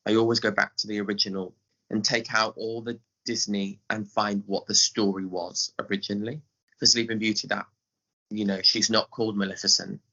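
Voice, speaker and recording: Appearing as a guest on an interview, a pantomime director and scriptwriter from England talks informally about his theatre work in an English accent. He speaks briskly in a lowish, fairly flat voice with vocal fry, pushed and bright, and the recording's highs are cut off.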